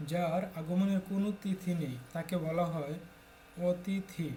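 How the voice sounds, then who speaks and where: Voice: medium pitch, fairly even intonation, measured pace, warm tone, a little hiss or hum. A tutor from Bangladesh steadily reading exam questions aloud and announcing each answer in turn.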